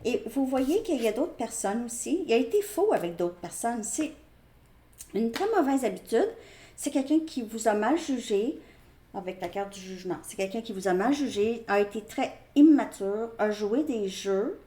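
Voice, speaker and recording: A woman's voice: a little high, lively intonation, normal speed, mellow, echoey room. A woman with a Québécois French accent giving a casual tarot reading. She talks to her viewers in a chatty way and repeats herself. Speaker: tarot reader.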